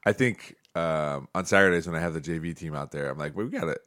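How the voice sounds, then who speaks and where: A man's voice: rumbling low, fast, a bit bright, dry recording, studio quality. A man with an American accent, a football and track coach, chatting casually on a podcast and laughing often.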